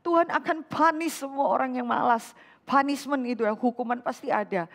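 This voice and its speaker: A woman vicar preaching a lively sermon to a women's fellowship, asking rhetorical questions and mixing in English phrases. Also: high voice, normal speed, creaky, in a large hall. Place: church hall.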